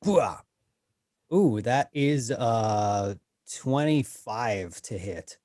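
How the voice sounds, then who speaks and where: A man's voice: medium pitch, lively intonation, extremely slow, mellow, no room sound, clean studio sound. A man chatting casually as a player in a tabletop role-playing game.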